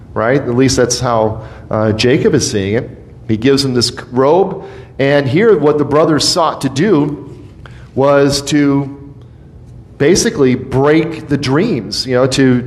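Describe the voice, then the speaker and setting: A male pastor giving a conversational sermon, often acting out the people in the story in quick little voices. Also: mid-range voice. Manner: conversational preaching, acts out quoted voices.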